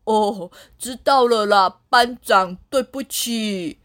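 Cheeky mocking schoolboys, high voice, taunting singsong, children's story, played by a woman. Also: takes it slowly, fairly bright tone. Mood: sheepish.

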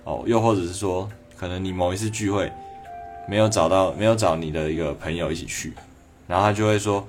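A man's voice: deep voice, fairly even intonation, a little fast, faint music behind. A man with a Taiwanese Mandarin accent, a doctor giving a reflective, conversational advice talk on a livestream. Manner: reflective, conversational, acting out quoted people.

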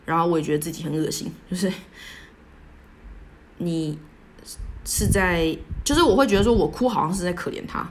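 A young woman tells a personal story alone as a podcast host, halting and self-deprecating, full of restarts. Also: fairly low pitch, a little hiss or hum.

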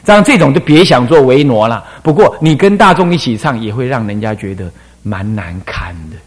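Older man, lively husky dharma lecture. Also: mid-range voice, brisk. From Taiwan. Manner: demonstrates singing and chanting, animated and playful. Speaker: abbot teaching monastics.

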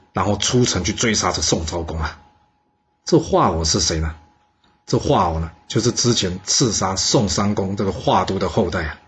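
A man's voice: on the low side, breathy edge. A man telling an ancient history story in a chatty way, with rhetorical questions.

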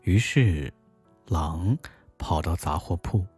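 A man's voice: low voice, animated, slow, a little mellow, slightly rough, faint music behind. A man telling a comic bedtime story, playful with wisecracking asides.

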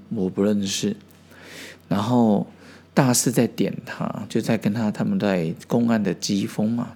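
A man hosting a podcast, calmly explaining old Zen stories and briefly acting out the quoted exchanges. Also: lowish voice, husky. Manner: unhurried, acts out quoted exchanges in small voices. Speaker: podcast host.

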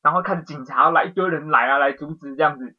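A man telling a strange dream in excitable casual podcast chat, swearing now and then. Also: on the high side, fast. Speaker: podcast co-host. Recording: dull lo-fi podcast audio.

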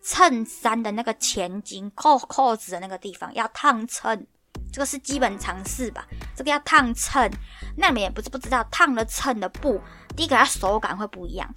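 A woman hosting a podcast, talking casually and in an exasperated, ranting way. Her voice sits a bit high for a woman. Faint music plays behind her. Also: animated, normal speed, bright, forceful tone. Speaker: podcast host. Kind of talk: casual storytelling monologue.

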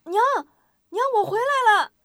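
Woman doing a bright-voiced young boy for a storybook, high and quick, tumbling questions. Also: big pitch swings, dry recording, clean studio sound. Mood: eager. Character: eager young boy, anxious and curious.

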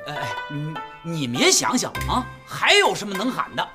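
An actor playing a jovial soldier who coaches his comrades in shouting slogans, chuckling and coaxing as he talks. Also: fairly high pitch, huge pitch swings, moderate pace, loud music behind the voice. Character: jovial male puppet-army soldier teaching slogans. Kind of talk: radio drama acting.

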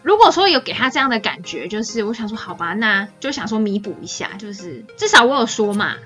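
A woman's voice: mid-range voice, fairly quick, soft background music. A woman, co-hosting a podcast and telling a rambling story in casual chat. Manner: animated, rambling, acts out quoted dialogue.

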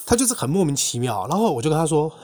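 A young man with a Taiwanese Mandarin accent, hosting a podcast and telling a personal faith story in an indignant, animated way. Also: a little high, racing. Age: young adult. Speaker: podcast host. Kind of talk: casual personal testimony monologue.

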